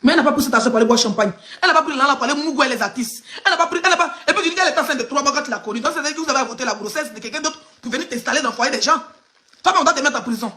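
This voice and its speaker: Racing along in a high, bright, forceful voice, an Ivorian gossip blogger comments live online. Her Ivorian French accent frames emphatic mockery delivered straight to the person she's taking aim at.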